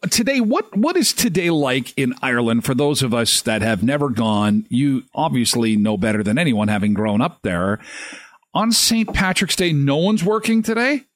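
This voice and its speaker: A man's voice: mid-range voice, big pitch swings, normal speed, no echo, clean studio sound. A man hosting a live morning show, joking and rambling with lots of fillers. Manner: jokey, rambling, many fillers. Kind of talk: casual live show chat.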